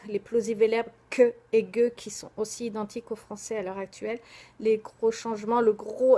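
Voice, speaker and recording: A young woman giving a recorded slide presentation, pausing often with fillers and spelling words out letter by letter. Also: mid-range voice, warm tone. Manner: hesitant, frequent filler pauses.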